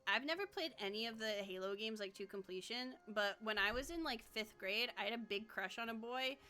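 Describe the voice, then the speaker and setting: A woman's voice: on the high side, a little fast, sharp tone, soft background music. A woman livestreamer chatting casually over a game in a cute, bubbly anime-streamer manner, giggly and self-deprecating. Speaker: streamer, VTuber. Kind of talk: casual livestream gaming chat.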